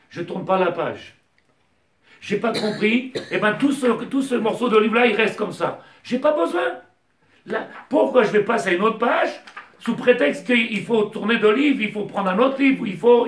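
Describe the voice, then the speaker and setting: A man teaching a Torah lesson with passion, his voice climbing to near-shouting as he mixes in Hebrew terms. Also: high voice. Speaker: rabbi teacher. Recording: echoey room, mic at a distance.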